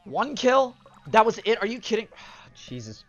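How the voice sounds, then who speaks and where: A man's voice: sits high, big pitch swings, measured pace, a bit bright, dull audio, soft background music. A man giving live gameplay commentary, frustrated and exasperated, with sudden outbursts.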